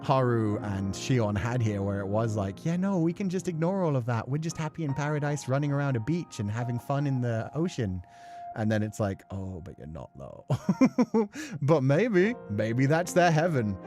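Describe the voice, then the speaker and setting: During a livestream with music behind him, a man whose medium-pitched voice is very animated and darkish in tone speaks at a moderate pace. A voice actor who streams visual novels, he chats with viewers by reading and responding to their comments, rambling thoughtfully and cursing occasionally.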